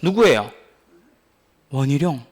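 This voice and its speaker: A man teaching a real estate exam class, lively and teasing as he keeps putting questions to his students. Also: medium pitch, slow pace. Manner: animated, teasing, asks the class many questions.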